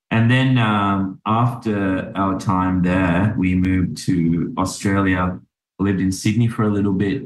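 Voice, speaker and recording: A man in his thirties from Sri Lanka, a doctor and podcast guest, speaking reflectively in conversation. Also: deep voice. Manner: reflective, with many fillers and restarts. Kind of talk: interview conversation. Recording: roomy echo.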